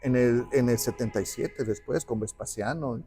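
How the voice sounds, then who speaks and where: A man telling a saint's life in conversation, acting out the quoted dialogue with lively shifts. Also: mid-range voice, normal speed, soft background music. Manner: animated, acts out quoted dialogue. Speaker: guest speaker on the parish patron saint. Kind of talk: conversational storytelling.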